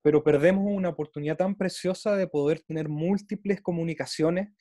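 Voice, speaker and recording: A man's voice: on the high side, steady tone, a little fast, mellow, no room sound, studio quality. A man in reflective casual conversation, speaking earnestly and at length, often doubling small linking words as he builds his thought.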